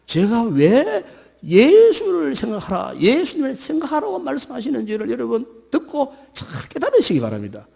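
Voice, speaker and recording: A male pastor giving a Sunday sermon, swinging from soft musing to loud high exhortation and acting out quoted voices. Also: huge pitch swings, moderate pace, creaky. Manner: acts out quoted voices of a tearful daughter and her mother. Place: church sanctuary. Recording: church hall with long reverb.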